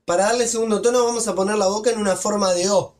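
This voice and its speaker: A man teaching body percussion, explaining each step clearly in a tutorial. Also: high voice, steady tone, fast talker, slight background noise. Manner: clear step-by-step explaining, vocalizing rhythm syllables. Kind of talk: instructional tutorial.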